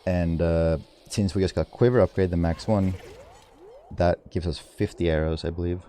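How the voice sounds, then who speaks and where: A man's voice: sits low, steady tone, normal speed, dark tone, a little hiss or hum. A man giving casual livestream commentary on his own speedrun, informal and rambling as he thinks aloud.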